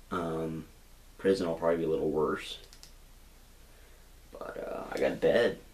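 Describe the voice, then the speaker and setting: A young adult man with a deep voice portrays a glum young jailbird in a mockumentary comedy. He rambles and keeps hesitantly restarting, caught by a camera in a small bedroom.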